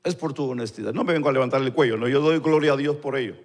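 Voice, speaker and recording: A male pastor, telling a story in a live sermon and acting out the dialogue in quieter voices. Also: medium pitch, very fast. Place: church hall. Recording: long church-hall reverb.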